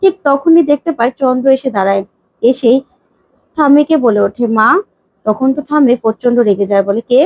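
Woman, story recap narrator, brisk and plain, high voice, dull lo-fi dry sound. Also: animated, no echo.

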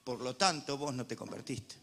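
A man with a Rioplatense Argentine accent preaching a sermon as pastor, joking, animated, and swinging from loud preaching to quiet asides. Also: mid-range voice, moderate pace, gravelly, a little hiss or hum. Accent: Rioplatense Spanish.

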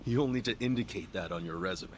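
Man playing an earnest, low-voiced job counselor. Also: a little hiss or hum, lightly acted. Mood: polite, probing. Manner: formal, measured, courteous. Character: earnest polite male job counselor, modest but firm. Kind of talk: video game voice acting.

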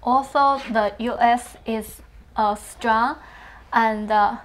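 Slow, careful young woman. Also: fairly high pitch, fairly even intonation. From China. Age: young adult. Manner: careful, simple phrasing with pauses. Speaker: guest, English student. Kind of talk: interview answers. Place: TV studio.

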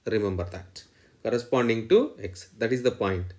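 A man's voice: on the low side, normal speed, darkish tone. A man lecturing in mathematics, dictating definitions in short phrases and repeating each one as he writes.

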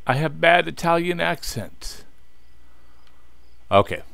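In a fairly high, animated voice that is slow, creaky, a bit bright and smooth, a man in his thirties chats with viewers while playing a game. He hosts a let's play, addresses his audience directly and frustrates easily. No echo is present.

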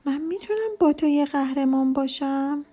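A woman's voice: high voice, dark tone, highs cut off, faint music behind, pitched above the performer's own voice, lightly acted. A woman voicing a curious, eager little girl in a read-aloud children's story. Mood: earnest.

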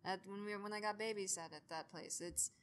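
In a steady, clean, mid-range voice at a fairly quick clip, a student audio drama creator in her early 20s presents informally. Her delivery rambles and is self-deprecating.

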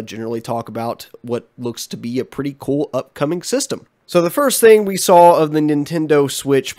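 A young man with a stuffy, congested voice, talking through a casual commentary vlog as its host, chatty and frank with many ums and uhs. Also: mid-range voice. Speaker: channel host.

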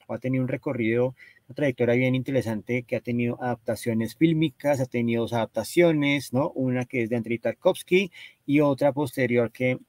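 A man's voice: mid-range voice, darkish tone, no room sound. A man giving an explanatory talk on cover art, hesitant and constantly checking in with his listeners. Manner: hesitant, constantly tags phrases with "¿no?" and "¿cierto?". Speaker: lecturer presenting book cover art.

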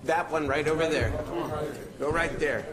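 A man at the meeting trying to calm the speaker and direct him to the microphone. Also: on the high side, normal speed. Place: large crowded council chamber. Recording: echoey chamber, heard from afar, loud crowd.

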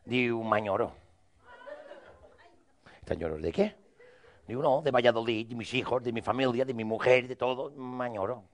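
A man's voice: medium pitch, steady tone, fairly quick, few pauses. A man telling a rambling, crude comic monologue in character, acting out both sides of the dialogue.

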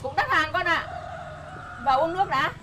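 A woman's voice: very high voice, moderate pace, noisy background. An actress playing a chatty, bossy older village woman who gossips. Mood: chatting.

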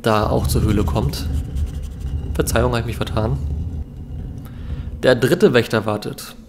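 A man's voice: mid-range voice, fairly even intonation, a little slow, a little mellow, a little hiss or hum. A young man giving casual let's play commentary in a laid-back, musing way. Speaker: let's player. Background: game ambience.

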